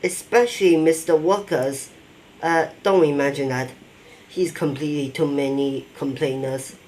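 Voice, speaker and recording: Male narrator, mock documentary, slow and hesitant, faint noise behind. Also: fairly high pitch, steady tone, a little mellow. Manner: halting, rambling, non-native phrasing. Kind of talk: improvised storytelling narration.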